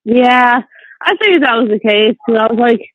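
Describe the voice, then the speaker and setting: A woman's voice: a little high, lively intonation, normal speed, dry recording. A woman chatting informally over a prison phone call, talking as a friend to an inmate. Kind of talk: casual personal phone chat. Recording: dry, tinny prison phone line.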